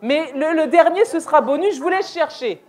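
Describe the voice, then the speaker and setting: A woman presenting a deaf ministry workshop in a church, playful and quick to laugh, with hesitant restarts. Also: high-pitched, animated, a little mellow. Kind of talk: interactive church workshop talk. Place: church hall, indoors.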